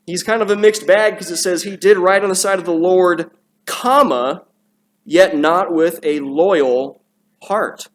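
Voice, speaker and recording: Conversational male preacher with a higher voice. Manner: conversational, with frequent restarts and asides. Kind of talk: sermon. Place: church sanctuary.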